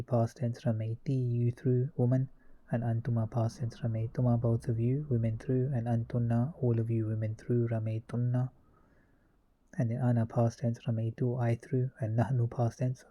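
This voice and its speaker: A man's voice: mid-range voice, moderate pace, muffled recording. A man teaching a grammar lesson, methodically reciting verb conjugations one form after another. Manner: methodical, reciting verb forms in a steady list.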